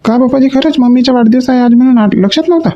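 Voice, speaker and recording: An actor playing a grown son at home in a comedy sketch, pleading and repeating words. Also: male voice, very high voice, racing. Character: grown sons at home, eager and scheming. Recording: dull lo-fi recording with faint noise.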